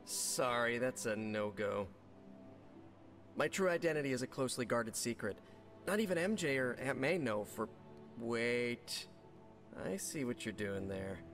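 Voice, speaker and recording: An actor playing a young, nervous and quippy male superhero in a video game, joking fast with his voice jumping up and down. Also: lively intonation, a bit bright, soft background music. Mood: chatty. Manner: jokey, fast and playful, voice jumping high and low.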